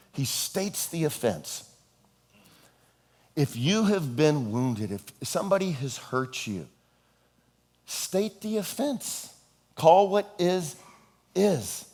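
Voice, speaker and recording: A male pastor preaching a sermon, a playful storyteller who jokes around, animated and expressive as he swings between hushed and loud. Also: medium pitch.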